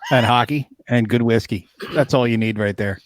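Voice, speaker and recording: A man's voice: mid-range voice, moderate pace, dry recording. A man from the Northeast United States with a Northeast accent, hosting a casual, joking podcast chat. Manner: animated, joking. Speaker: podcast host.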